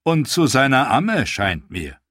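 A man's voice: medium pitch, very animated, takes it slowly, fairly bright tone, no echo, pitched above the performer's own voice, heavily acted. A proud, hot-tempered knight with an indignant manner, read by a male narrator. It stays close to the reader's own voice and is recorded dry and close.

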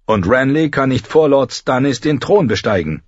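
Guy reading as a stubborn young lord, grim and firm, husky tone, pitch swings a lot. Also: expressive, normal speed, no room sound, dull audio, lightly acted.

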